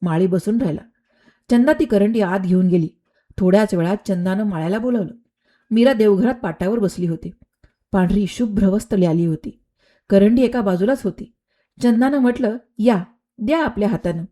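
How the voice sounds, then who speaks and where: A woman storyteller narrating a devotional tale in a measured, expressive way. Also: medium pitch.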